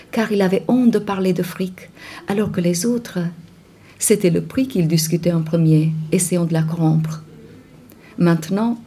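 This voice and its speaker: Low, mellow woman narrator. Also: slightly rough. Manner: measured, calm reading with small slips. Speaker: audiobook narrator. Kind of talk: novel reading.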